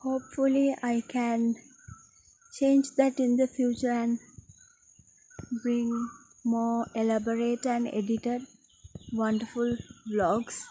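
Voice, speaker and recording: A woman with a fairly high voice talks casually as she films a nature vlog in a garden. She speaks slowly, in short halting phrases with room between them. Wind hits the phone mic clearly and birds chirp behind her. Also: little pitch movement, mellow, rough recording. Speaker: vlogger. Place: outdoors in a garden on a windy day. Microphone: handheld phone.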